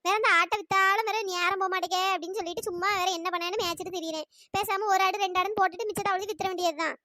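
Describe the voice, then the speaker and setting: A squeaky cartoon village auntie. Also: female voice, steady tone, rapid-fire, pushed and bright, dry recording, studio quality. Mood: grumbling chat. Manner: scolding, exasperated. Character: chatty village woman, elder sister type. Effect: pitch-raised cartoon voice. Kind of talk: cartoon storytelling.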